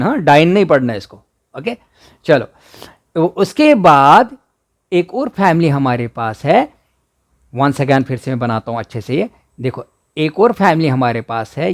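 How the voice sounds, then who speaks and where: A man with a Kashmiri accent teaching the alphabet to children, asking questions and repeating the answers, with English words mixed into his Hindi. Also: on the high side. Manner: slow, sing-song teaching, asks and repeats answers.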